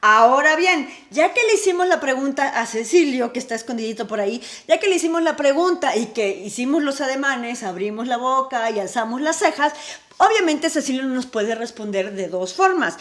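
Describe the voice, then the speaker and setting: A woman speaks straight to the camera in a high, bright register. She teaches like a lively advice host, throwing out a question and answering it herself a beat later. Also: normal speed. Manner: animated, asks and answers her own rhetorical questions. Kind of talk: talking-to-camera advice lesson.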